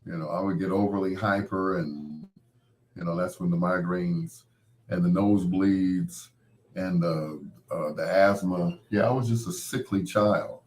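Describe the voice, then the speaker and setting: A middle-aged man, voice very low and hoarse from a cold, hosts a late-night radio show. He rambles loosely and folksily, laughing at his own corny jokes, with fairly even intonation, a measured pace and a slightly mellow sound.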